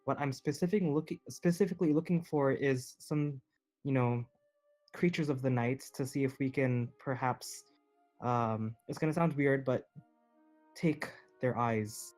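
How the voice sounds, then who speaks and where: A man's voice: mid-range voice, measured pace, a little mellow, soft background music. A man playing in a tabletop game over voice chat, explaining himself earnestly and a little sheepishly, with fillers. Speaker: player. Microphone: online voice chat.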